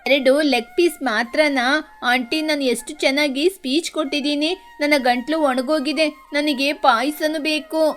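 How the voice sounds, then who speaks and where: A woman voicing a cheeky young male bird in a cartoon, who teases and lectures his friend in a fast, preachy way. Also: high-pitched, fairly even intonation, a bit bright, soft background music. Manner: teasing, preachy, fast-talking. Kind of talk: cartoon voice acting.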